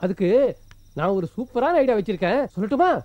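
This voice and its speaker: An actor playing a scheming, flirtatious constable in a comedy film. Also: male voice, sits high, very animated, fast, dry recording. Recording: dry, dull film audio.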